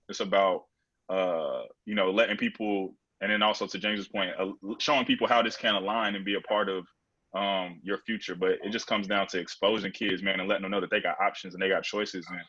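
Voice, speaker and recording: A man in a casual panel discussion who talks in a relaxed way, full of fillers and "you know what I mean". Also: low-pitched, slightly rough. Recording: dull lo-fi call audio.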